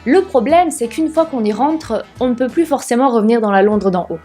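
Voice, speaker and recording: A woman's voice: on the high side, animated, fairly quick, warm tone, faint music behind. A young woman casually reviewing books she has read, chatty and candid, with frequent fillers. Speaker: book vlogger.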